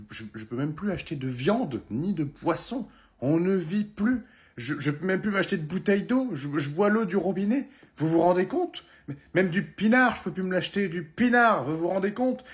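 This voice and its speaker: A man's voice: fairly high pitch, close to an everyday voice. A man voicing a grumbling elderly pensioner who mutters and stumbles over his words. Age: older.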